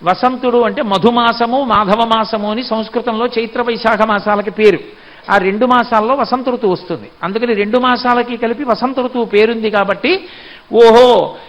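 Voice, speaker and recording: A man giving a devotional discourse, retelling a sacred story in an animated way. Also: very high-pitched, moderate pace, lo-fi sound. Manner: animated storytelling, acts out voices. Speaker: spiritual discourse speaker.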